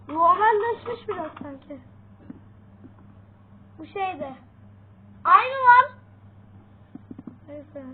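A woman giving casual gameplay commentary in a jumpy way, yelping at sudden sounds. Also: very high voice. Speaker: gaming channel host. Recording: tinny phone-like sound, faint noise.

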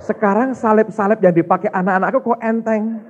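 Animated pastor preaching. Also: male voice, sits high, fairly quick, noisy background. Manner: lively storytelling, acting out dialogue, addressing congregation as saudara. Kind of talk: sermon. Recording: muffled, slightly lo-fi sound.

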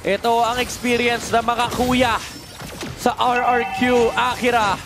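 A Filipino-accented man shoutcasts an esports match in a booming, excitable announcer style. His voice sits high for a man. Music plays clearly behind him. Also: a little slow. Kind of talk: live play-by-play esports commentary. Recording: loud music behind broadcast commentary.

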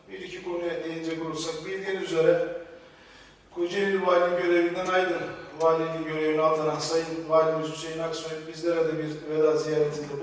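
A man chairing a chamber meeting, giving a formal, measured address at a podium microphone in a large meeting hall. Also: on the high side, far from the mic, slight background noise. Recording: echoey hall, voice from afar.

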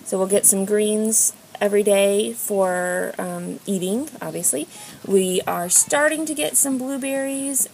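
Speaking at medium pitch with a somewhat dark tone, an American woman casually talks through items she's filming for a home haul vlog. She uses a handheld camera or phone, and the amateur audio is noisy with clicks.

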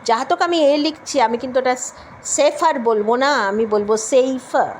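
A woman teaching spoken English in a classroom lesson with a Bengali accent, slowly modeling word pairs. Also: high voice, lively intonation, slight background noise.

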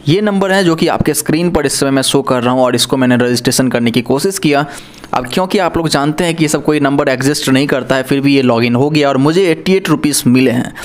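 A young man explaining an online job scam to camera, earnest and cautioning, speaking to viewers as friends in a plain indoor room. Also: medium pitch. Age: young adult. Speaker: YouTube cyber-awareness presenter.

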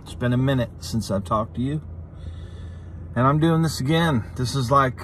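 A middle-aged man talking casually and candidly to a phone in a parked car, confiding and halting, with pauses and repeats. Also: mid-range voice, a bit bright. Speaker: vlogger, channel host. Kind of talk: casual, candid talk to the camera. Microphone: phone at arm's length. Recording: noisy in-car phone recording.

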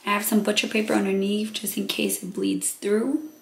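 A woman hosting a craft video, explaining each step in a relaxed, thinking-aloud way and a bit out of breath. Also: medium pitch, normal speed, vocal fry. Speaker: crafting channel host. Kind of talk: casual how-to narration.

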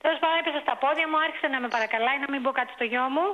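A woman in her forties calling in to a talk show, telling a long complaint in an exasperated way, full of fillers. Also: sits high. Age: 40s. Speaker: caller. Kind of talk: phone-in confession on a talk show. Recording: tinny phone line.

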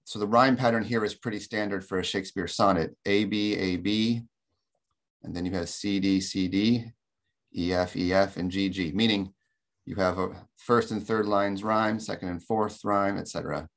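Deep, gravelly-voiced man lecturing. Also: steady tone. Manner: measured, thoughtful explaining with frequent ums. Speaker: webinar presenter. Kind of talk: academic lecture. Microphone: video call.

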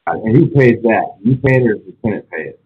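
Man, on speakerphone, husky voice, tinny phone line, short direct questions. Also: lowish voice, animated, fast talker. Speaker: property buyer on a call.

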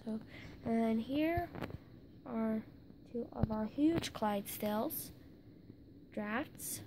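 Slow, gravelly young woman touring her toy barn. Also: a little high, background noise. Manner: halting, stops to list names, drops into whispers. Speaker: toy barn tour guide. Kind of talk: casual narrated toy barn tour. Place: indoor room with toy barn on carpet.

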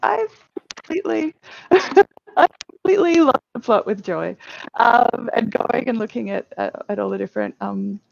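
Woman, breaking-up call audio, dull lo-fi sound, gravelly fry, dry, giggly and halting. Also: a little high, lively intonation, a little mellow, no echo. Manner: giggly, halting, many restarts. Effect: breaking-up connection, voice cutting in and out. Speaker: interviewer at a book launch. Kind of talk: casual video-call interview. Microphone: headset on a video call.

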